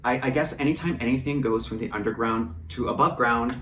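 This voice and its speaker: Medium-pitched, a bit fast and sharp in tone, the American man chats candidly in a casual interview, offering plenty of opinions. Raised in rural Michigan, he writes and produces audio dramas and does drag. A distant mic in his home studio gives a roomy sound with faint noise behind it.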